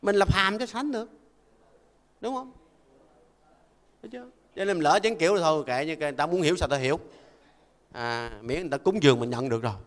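An older Buddhist monk gives a folksy, conversational dharma talk and keeps asking listeners to agree. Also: male voice, fairly high pitch, animated, fast, long pauses, big-room sound. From Vietnam. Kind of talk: conversational sermon.

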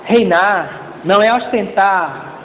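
A male pastor preaching a sermon in a lively, joking way, calling out to the congregation for responses. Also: high voice, takes it slowly, a little hiss or hum. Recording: echoey church hall over a tinny lo-fi line.

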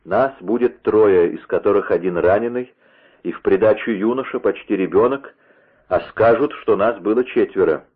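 A man reading an old musketeer in a low, measured voice, over a tinny radio-like line. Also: husky. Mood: grave. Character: commanding veteran male musketeer, grave and calm. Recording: tinny phone-like radio sound.

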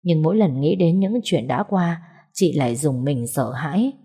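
A woman narrating an audiobook novel in a steady storytelling manner. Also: deep voice, moderate pace, husky.

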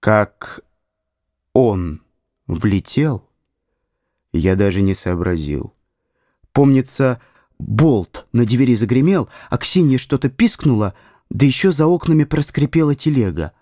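In a studio, a man narrates a literary audiobook in a measured, expressive way. His voice is medium in pitch, and the recording is clean, with no room sound.

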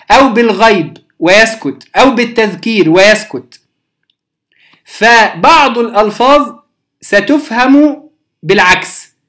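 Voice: medium pitch, a bit bright. Patient teacher checking understanding. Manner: patient, repeats key terms and often checks "clear?". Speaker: teacher of Quranic readings. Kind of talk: beginner lesson explaining rules.

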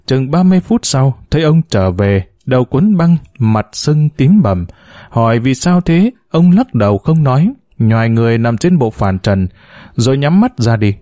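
A man narrating short stories in a measured storytelling manner. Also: dry recording, clean studio sound. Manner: measured storytelling, lively pitch. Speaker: audiobook narrator.

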